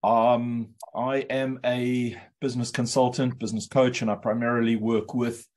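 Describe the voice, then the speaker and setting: Relaxed man with a South African accent. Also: mid-range voice, normal speed. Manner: relaxed, friendly, plain-spoken. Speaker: business consultant. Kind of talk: self-introduction on a group call. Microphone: video call.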